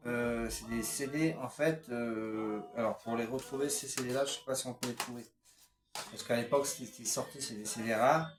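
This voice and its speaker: A man's voice: medium pitch, steady tone, normal speed, reverberant. Hesitant man listing his CD collection. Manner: hesitant, many fillers, lists titles. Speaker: record collector showing his CDs. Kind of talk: casual unscripted collection vlog.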